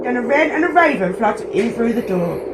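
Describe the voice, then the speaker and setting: A woman's voice: a little high, animated, a little fast. A woman reading a children's picture book aloud as a storytime host, playful and sing-song. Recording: echoey room, loud traffic noise.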